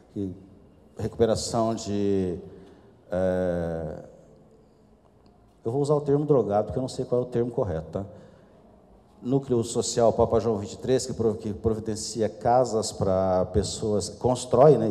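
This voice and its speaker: A man's voice: mid-range voice, mellow. A middle-aged man, presenting slides at a conference panel in an informal, self-deprecating way. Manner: informal, self-deprecating asides while walking through slides. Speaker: conference speaker. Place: conference hall. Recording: long hall reverb.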